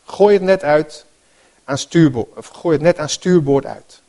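A man reading the words of Jesus aloud in a sermon, as a calm man calling gently to his friends, with a slightly raised voice. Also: fairly high pitch, measured pace.

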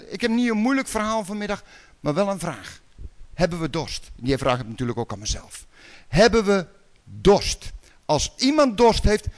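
Preaching conversationally, this Dutch man throws out rhetorical questions and abrupt, loud calls during his sermon, speaking at a fairly high pitch.

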